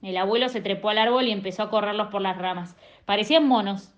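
A woman reading a children's story aloud in a lively, expressive way. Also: medium pitch, quick pace, highs cut off. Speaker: reader.

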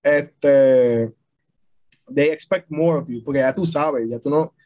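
A young man telling army stories in a casual podcast chat, slangy and animated, mixing Spanish and English. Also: medium pitch, slow pace. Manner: animated storyteller, slangy and swearing. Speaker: podcast guest, army veteran.

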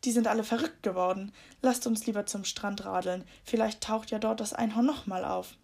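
A clever boy detective in a storybook, voiced by a woman reader, earnest and persuasive. His voice sits a little raised. The reader's tone carries a gravelly fry. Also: mid-range voice, fairly even intonation, brisk, a little mellow.

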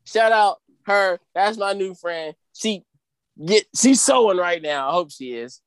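A man co-hosting a casual podcast, bantering in an animated way. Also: sits high, unhurried, clean tone, dry recording. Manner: animated, spells out a name letter by letter. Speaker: co-host.

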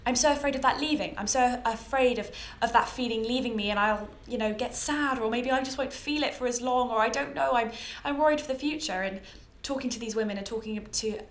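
Her voice sits on the high side and runs a little fast. She's a British woman in her early twenties hosting a chatty, informal podcast, effusive and self-deprecating, recorded at home under a towel with a podcast mic she bought, giving an echoey homemade quality.

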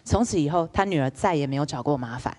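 A woman gives a public lecture with a fairly low voice. She tells stories in a lively way and keeps asking the audience questions. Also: quick pace. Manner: lively storyteller, asks the audience rhetorical questions.

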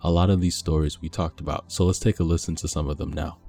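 A man hosting a podcast, opening the show in a smooth announcer manner. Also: extremely low pitch, fairly even intonation, fast, warm tone. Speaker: podcast host.

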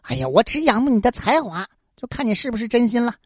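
Haughty rich young lady giving orders in a folk tale, voiced by a woman; high, lively pitch. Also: fast talker, no echo, studio quality.

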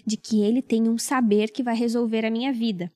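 A woman who is a psychologist, calmly explaining how therapy works in casual chat. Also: a little high, brisk. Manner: calm, explanatory.

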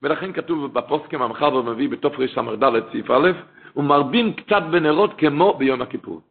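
Gravelly, husky man giving a sermon. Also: medium pitch, animated. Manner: impassioned, exhorting, quotes sources in a chanting lilt. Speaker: rabbi giving a Torah talk. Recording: tinny phone-like sound.

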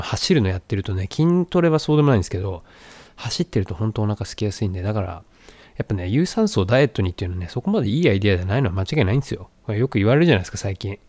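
A man with a fairly low voice speaks in a casual vlog style. He thinks aloud in a conversational, reflective manner. The sound is dry, with very little room echo. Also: darkish tone. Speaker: vlogger. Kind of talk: casual training vlog talk.

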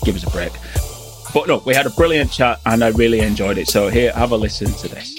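A man's voice: medium pitch, fast talker, over music. A man with a Yorkshire accent, talking casually and self-deprecatingly as a podcast host. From Yorkshire, England. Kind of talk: casual chat.

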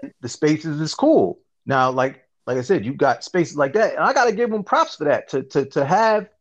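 A man hosting a casual podcast, telling stories in an animated, slangy way and often asking "you see what I'm saying". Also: a little high, normal speed, highs cut off. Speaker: podcast host. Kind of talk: casual chat.

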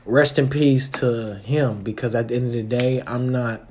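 A man's voice: medium pitch, steady tone, moderate pace, a little mellow, slight background noise. A man hosting a casual podcast, talking in a laid-back, slangy way and often asking "you know what I'm saying". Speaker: podcast host.

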